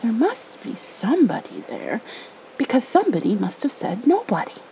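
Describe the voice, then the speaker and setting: Woman doing a naive, soft, lilting storybook bear. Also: fairly high pitch, sing-song, normal speed, slight background noise, pitched above the performer's own voice, rough recording. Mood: puzzled. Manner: simple, earnest, humming to himself. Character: naive, friendly, hungry male toy bear.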